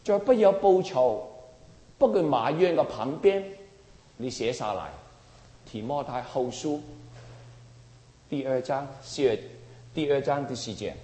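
A man's voice: mid-range voice, expressive, slow pace, long pauses, warm tone. A man preaching a sermon emphatically, often asking the congregation rhetorical questions. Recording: roomy hall with long reverb.

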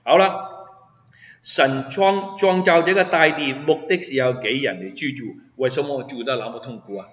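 A man's voice: medium pitch, normal speed, a bit bright. A man preaching a sermon as pastor, emphatic and full of rhetorical questions to his listeners. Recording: echoey hall, dull sound.

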